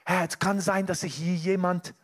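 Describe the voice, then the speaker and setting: Addressing the congregation directly, a male preacher delivers his sermon with earnest conviction, often restarting what he's saying. His voice is high, with little movement in pitch, and he keeps a moderate pace.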